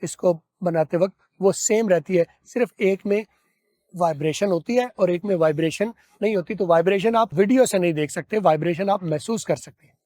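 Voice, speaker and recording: High-voiced man teaching pronunciation, dry sound. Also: a little mellow, no room sound. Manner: demonstrates English sounds slowly and repeats them; asks questions, then answers them himself. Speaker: accent teacher. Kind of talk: spoken pronunciation lesson.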